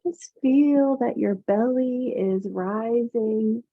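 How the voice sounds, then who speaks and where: Woman yoga teacher doing guided meditation, soft soothing murmur, really unhurried, tinny phone-ish audio. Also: on the high side. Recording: phone-like narrow-band sound.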